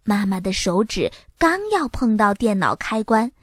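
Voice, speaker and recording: A woman narrating a children's storybook in a clear, expressive, even manner. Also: medium pitch, measured pace, dry recording, studio quality.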